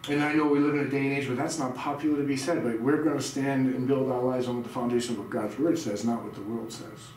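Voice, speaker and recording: A man's voice: mid-range voice, steady tone, fast talker, few pauses, darkish tone, recorded from a distance. Middle-aged guy preaching, reads verses, asks the room stuff, noisy echoey recording. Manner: reads scripture aloud and quizzes the audience. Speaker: pastor. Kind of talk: sermon. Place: small church room indoors.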